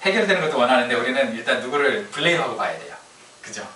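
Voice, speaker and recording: A man's voice: medium pitch, sing-song, racing, pushed and bright, a little hiss or hum. A man preaching a sermon as pastor, telling the story in a chatty, humorous way, heard echoing from a distance. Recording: echoey room from a distance.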